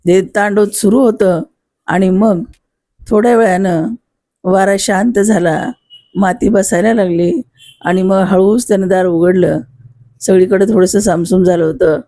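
An older woman telling a memory from her own life in an unhurried, conversational way, pausing and correcting herself as she goes. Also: medium pitch, mellow, no echo, clean studio sound. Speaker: storyteller. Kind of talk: reminiscing oral storytelling.

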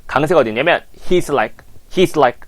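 A man's voice: on the high side, lively intonation, measured pace. A man teaching English as a coach, animatedly prompting listeners to repeat phrases, on a lapel mic. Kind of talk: language lesson.

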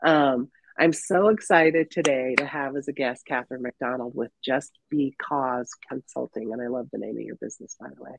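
A podcast host with a very deep, gravelly voice chats casually with a guest over a video call at normal speed, barely pausing. Stuffy and nasal at the tail end of covid, she's still upbeat and says "um" a lot; the audio is muffled and dry, with slight background noise.

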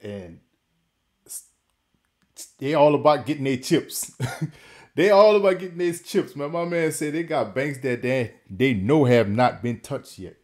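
A man's voice: medium pitch, measured pace, a little mellow. A man hosting a casual reaction video, talking loosely, repeating words as he stumbles, and laughing often. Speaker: reaction channel host.

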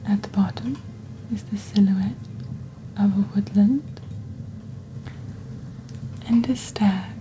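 An ASMR host whispers close to a desk studio microphone, lightly acting as a composed, eerie witch who sells cursed wares in a scripted shopping-channel roleplay. Her delivery is slow, deliberate and hushed like storytelling, her medium-pitched voice steady in tone, with slight background noise on a rough recording.

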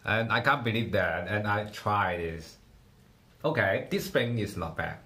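Slow, halting man. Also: fairly low pitch, bright, forceful tone. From Hong Kong. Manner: halting, repeats words while tasting. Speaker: livestreamer. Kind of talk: casual livestream food tasting.

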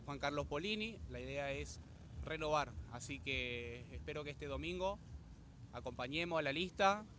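A man's voice: a little high, fairly bright tone, slight background noise. A man making an earnest campaign appeal in a street interview outdoors. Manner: earnest, repetitive fillers. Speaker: campaign supporter.

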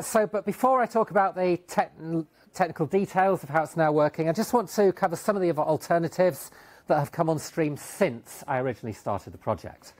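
Here the speaker is a middle-aged man whose voice is a little high and a little mellow. Giving a technical talk with slides in a lecture hall, he hesitates often, filling gaps with ums and starting sentences over.

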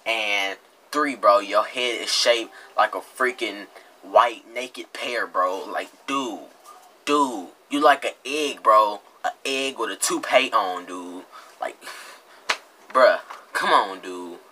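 Speaking slowly with a lowish, pushed, bright voice, a young American adult delivers casual comedic commentary as a reaction video host. He's slangy, mocking, and exasperated, often repeating himself, in an indoor room with a green screen.

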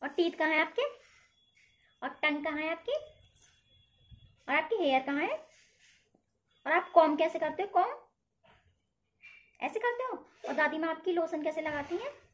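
A woman's voice: very high voice, lively intonation, unhurried, pauses often. A woman at home asking a toddler playful questions in a coaxing, sing-song baby-talk manner. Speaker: host of a toddler-activity channel. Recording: echoey room, faint background noise.

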